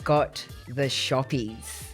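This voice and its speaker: A woman's voice: a bass voice, fairly even intonation, very slow, faint music behind. A woman in her thirties with an Australian accent, co-hosting a casual chat podcast and telling self-mocking stories. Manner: chatty, storytelling, self-mocking. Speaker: podcast co-host.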